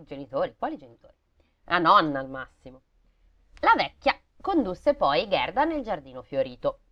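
A woman's voice: fairly low pitch, sing-song, moderate pace, dull audio. A woman reading a fairy tale aloud, breaking off with sarcastic, swearing comments. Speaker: storybook reader.

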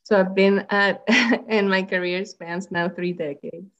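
A public health researcher from Puerto Rico speaks in a conversational interview, rambling with lots of fillers and restarts. Her mid-range voice is steady, a bit bright and measured in pace, and the highs are cut off.

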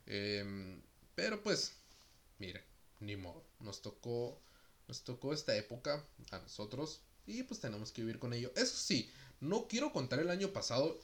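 A man's voice: medium pitch, very animated, moderate pace. A young man in his twenties from Mexico, chatting casually and jokingly, then reading a news item aloud, with many fillers. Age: 20s.

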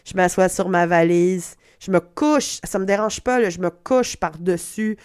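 A woman's voice: on the low side, unhurried, a little mellow, clean tone. A middle-aged woman from Quebec with a Québécois accent, hosting a podcast in a chatty, self-mocking monologue that is sprinkled with swearing. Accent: Québécois French. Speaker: podcast host. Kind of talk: casual monologue.

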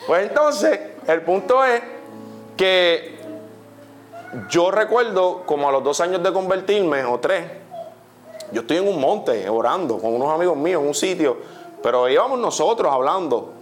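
Young Puerto Rican male preacher, testimony sermon, a touch high-pitched, animated and questioning, soft music underneath. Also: measured pace. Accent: Puerto Rican Spanish. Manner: animated, keeps saying "literally", questions the listeners.

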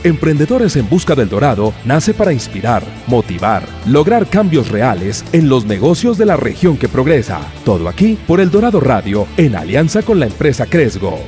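A man's voice: medium pitch, sing-song, moderate pace, few pauses, mellow, faint music behind. A man reading an emphatic radio promo for a business show. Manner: punchy, emphatic announcing. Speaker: promo announcer.

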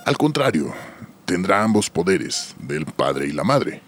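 A man's voice: deep voice, sing-song, measured pace, soft background music. A man acting a grave doctor and storyteller in an audio drama, with a solemn, scripted delivery.

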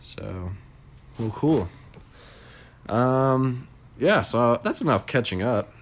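A man's voice: mid-range voice, lively intonation, slow pace. A young man co-hosting a podcast, chatting in an easygoing way and laughing often. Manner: easygoing, laughing, many fillers. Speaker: podcast co-host. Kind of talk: casual chat.

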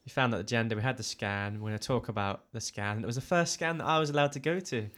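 A man in his twenties co-hosting a podcast in casual chat, easygoing and trailing off softly at the ends of phrases. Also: medium pitch, quick pace. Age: 20s. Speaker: podcast co-host.

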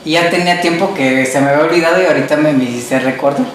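Fast-talking Mexican woman in echo. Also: low-pitched, slight background noise. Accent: Mexican Spanish. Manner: jokey interjections, slangy. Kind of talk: casual chat. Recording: very echoey room.

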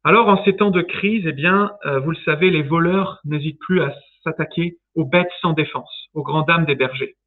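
A man speaks from a library over a tinny, phone-like line. His voice sits fairly high, and he opens his talk in a playful, storytelling way. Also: normal speed, few pauses. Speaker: guest speaker, theology student. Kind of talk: talk with a light intro. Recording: tinny phone-like online call.

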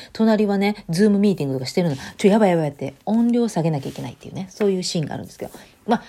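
A woman's voice: medium pitch, dark tone. A woman with a Kansai accent talking casually and chattily to her audience, mixing standard and Kansai speech. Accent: Kansai Japanese. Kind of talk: casual monologue.

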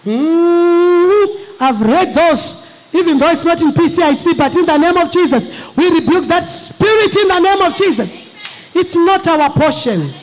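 A woman pastor preaching an impassioned sermon, shouting exhortations and putting questions to her congregation. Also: extremely high pitch, animated, unhurried, slight background noise.

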